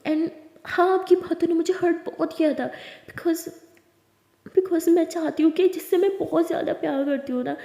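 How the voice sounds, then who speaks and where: A woman voicing a gentle young college woman who comforts her girlfriend in a soothing, reassuring way. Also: sits high. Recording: echoey room with long reverb.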